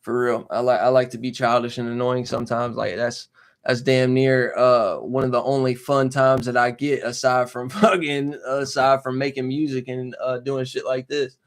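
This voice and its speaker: A man's voice: medium pitch, level tone, normal speed. A man in his twenties chatting casually on a live stream, rambling with lots of slang, fillers and "you know what I'm saying.". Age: 20s.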